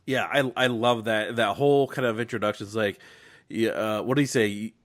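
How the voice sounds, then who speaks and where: A young man co-hosting a film podcast, talking casually and excitedly about a favorite movie, with frequent restarts and quoted lines. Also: lowish voice, brisk. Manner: animated, quoting film lines, many restarts. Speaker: podcast co-host.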